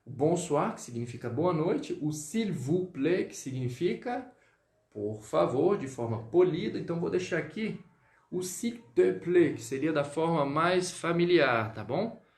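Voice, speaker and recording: A man teaching French in a live online lesson, greeting viewers and drilling pronunciation slowly. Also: fairly high pitch, animated, a little mellow, reverberant. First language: Portuguese.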